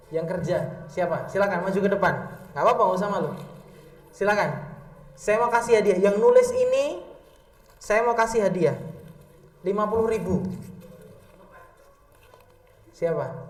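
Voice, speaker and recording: A young man gives a joking, animated sermon to young people. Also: high voice. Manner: joking, animated, slips into voices. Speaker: youth preacher. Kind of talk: humorous motivational sermon. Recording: echoey hall, distant mic.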